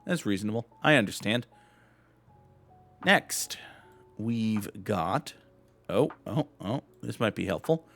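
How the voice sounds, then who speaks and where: A man's voice: lowish voice, animated, slow, vocal fry, long pauses, a bit bright, soft background music. A young adult man hosting a gaming channel, giving rambling, wry, self-deprecating commentary as he guesses where and when old photos were taken. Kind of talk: casual commentary while guessing photo locations.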